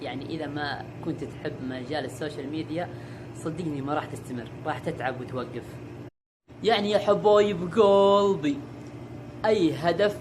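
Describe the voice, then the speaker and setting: A Saudi man vlogging casually, chatty and joking with his viewers as he talks from a car by the coast. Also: a little high. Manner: chatty, jokey, calls viewers "guys". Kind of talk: casual vlog chat to viewers. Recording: vehicle noise behind.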